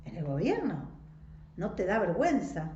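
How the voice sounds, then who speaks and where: A woman's voice: lowish voice, expressive, normal speed, a little hiss or hum, close to an everyday voice. Female reader voicing a cautious, paternal old landowner, muffled echoey recording. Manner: paternal, falsely jovial, cautious. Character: older landowner man, paternal and awkward.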